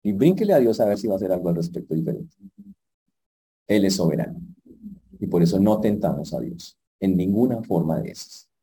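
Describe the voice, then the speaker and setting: Husky-voiced preacher. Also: male voice, deep voice, big pitch swings, warm tone, poor audio. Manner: direct, humorous, quick swings in volume. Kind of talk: sermon.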